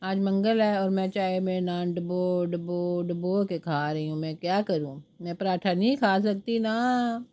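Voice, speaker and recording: A woman's voice: lowish voice, fairly even intonation, a little slow, hardly any pauses, warm tone. Chatty older grandmother with a sore throat. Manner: chatty, rambling storytelling, baby talk to the grandchild. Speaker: home vlogger and grandmother. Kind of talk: casual home vlog chat. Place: at home, indoors, sitting with a baby.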